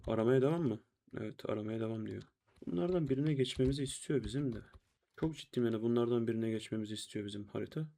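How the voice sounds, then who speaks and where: Gravelly, low-toned Turkish man playing a game. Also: warm tone. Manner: chatty, talks to himself and viewers while playing, exclaims at deaths. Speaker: gameplay streamer. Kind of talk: casual let's-play commentary.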